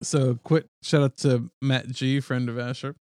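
A man's voice: medium pitch, fairly even intonation, a little slow, a little mellow, no room sound. A man co-hosting a podcast, talking casually about music with hesitant fillers. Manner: hesitant, many fillers, laughs along. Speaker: podcast co-host.

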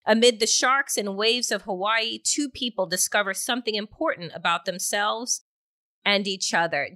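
Bright-voiced woman hosting a podcast. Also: medium pitch, no room sound. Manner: earnest, repeats words, many fillers. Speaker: podcast host. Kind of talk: casual podcast talk and interview intro.

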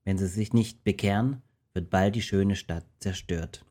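A man's voice: low voice, measured pace, warm tone. A man reading God's commanding voice. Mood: stern. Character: God, calm commanding divine voice. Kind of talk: storybook reading in rhyme.

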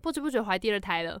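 A woman hosting a podcast, retelling a folk tale in casual, animated, jokey chat. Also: medium pitch, no echo, studio quality. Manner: animated, jokey, laughs often. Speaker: podcast host.

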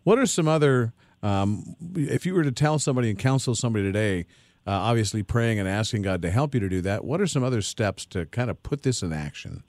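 Low-voiced man hosting a radio interview. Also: expressive, brisk, a little mellow, no echo. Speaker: host.

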